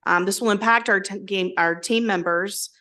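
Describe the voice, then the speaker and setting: A woman giving prepared testimony as a public witness, hesitant with frequent pauses. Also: mid-range voice, fairly even intonation, pushed and bright. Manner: hesitant, many ums.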